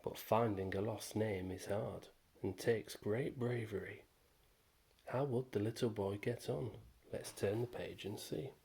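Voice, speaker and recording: A man reading a rhyming children's picture book aloud in a slow, gentle, rhythmic way. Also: lowish voice, creaky, slightly rough. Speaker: storyteller.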